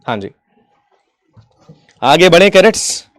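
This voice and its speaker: A man teaching history as a story in a casual, affectionate way. He acts out the figures' lines in quick asides and keeps asking his students whether they have understood. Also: on the high side, sing-song, a bit bright. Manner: keeps checking if students follow, affectionate, addresses them as kids.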